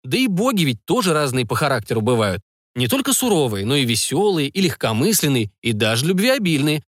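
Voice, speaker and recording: A man's voice: a little high, sing-song, brisk, no echo, studio quality. A man narrating an audiobook in a reflective, wry manner.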